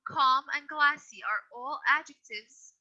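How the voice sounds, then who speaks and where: A woman's voice: high voice, measured pace, sharp tone. A woman teacher leading an online grammar lesson, patient but firm as she repeats and corrects her students. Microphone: video call. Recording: dull lo-fi video call audio.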